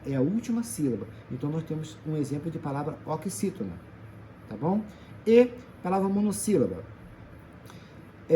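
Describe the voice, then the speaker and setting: A Brazilian Portuguese teacher, a man with a fairly high, warm voice, patiently walks through a grammar lesson in a Brazilian Portuguese accent. He stretches out example words and checks in after each point with tag questions, over slight background noise.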